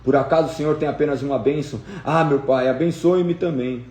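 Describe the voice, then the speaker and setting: A man voicing a desperate grown son who begs his father in a raised, drawn-out voice. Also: on the high side, a little mellow, close to an everyday voice. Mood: pleading. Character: older male son, pleading, desperate, anguished. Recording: echoey room.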